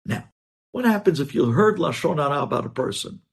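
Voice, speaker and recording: Speaking quickly in a high-leaning, sing-song, creaky voice, a man delivers a rabbi's lesson on religious law. Hypothetical examples drive the teaching, and he presses home his points by repeating key phrases.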